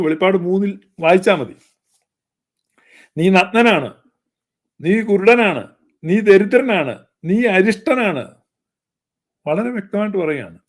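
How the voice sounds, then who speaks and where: Man, preacher, high-pitched, fervent and scolding, repeats his points. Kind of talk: sermon-style critique.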